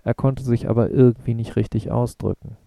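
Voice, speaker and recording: A man narrating an audiobook in a measured, steady reading. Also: medium pitch, creaky, dry recording. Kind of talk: scripted narration.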